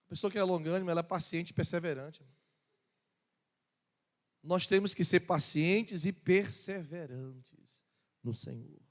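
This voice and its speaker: A man's voice: fairly high pitch, a little slow, pauses often. A man preaching a sermon as pastor in a church, with impassioned emphasis and questions to the congregation. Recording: long reverb of a church hall.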